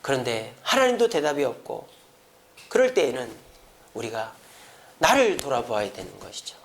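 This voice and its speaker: A man's voice: medium pitch, very animated, moderate pace, vocal fry. A man preaching a Sunday sermon as senior pastor, asking his congregation rhetorical questions and acting out their complaints in a raised voice.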